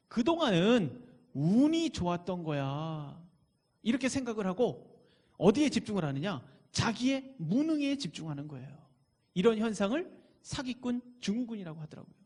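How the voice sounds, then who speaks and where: A man's voice: high voice, darkish tone, big-room sound. A man preaching a Sunday sermon in a church, repeating phrases for emphasis. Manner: dramatic preaching, acts out tempter's voice, repeats phrases. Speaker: pastor. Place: church sanctuary.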